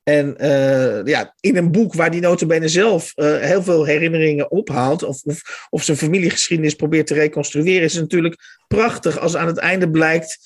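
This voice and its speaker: A man's voice: fairly high pitch, normal speed. A man, a journalist, speaking as a guest on a literary podcast and searching for his words as he thinks.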